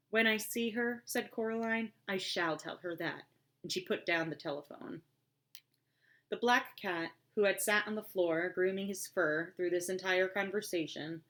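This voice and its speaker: A woman narrating a story in measured, even storytelling tones. Her voice sits a little low for a woman. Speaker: audiobook reader. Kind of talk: scripted narration.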